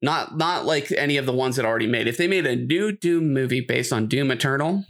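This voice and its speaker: A man's voice: mid-range voice, expressive, fairly quick, fairly bright tone. A man co-hosting a podcast, chatting casually and giving opinions in an informal way. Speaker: podcast co-host. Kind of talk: casual discussion chat.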